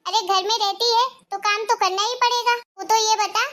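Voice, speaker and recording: A woman voicing a harsh, nagging middle-aged stepmother in a cartoon, scolding in a sharp, shrill voice. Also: steady tone, moderate pace.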